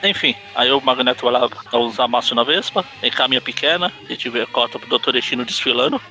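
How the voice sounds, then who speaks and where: Bright-voiced fast-talking man on a podcast. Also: rough recording. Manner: jokey, acts out character lines in quick high voices. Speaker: podcast co-host. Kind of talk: casual comic book review chat.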